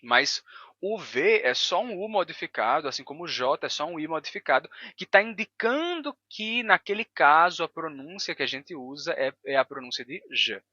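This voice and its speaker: A man with a Brazilian Portuguese accent explaining language in a video lesson. He talks in a didactic way and repeats sounds slowly to demonstrate them. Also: a little high, animated, pushed and bright, no echo, highs cut off. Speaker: language educator.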